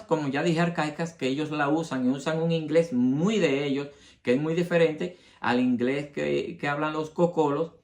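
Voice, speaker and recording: A man from the Republic, hosting a history channel and explaining things to his viewers with examples. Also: medium pitch. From Dominican Republic. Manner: addresses the audience directly, explains with examples.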